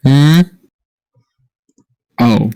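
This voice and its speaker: A man's voice: medium pitch, very slow, vocal fry, dark tone, smooth, dry recording. A man playing in a tabletop game, joking and teasing the others at the table. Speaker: player. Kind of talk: casual chat in a tabletop game.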